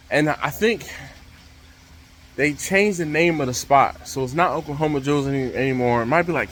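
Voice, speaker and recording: Guy with a slightly high voice doing a casual vlog outside, talking over a pool waterfall rushing next to him. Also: fairly bright tone. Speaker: vlog host. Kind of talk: casual chat to camera.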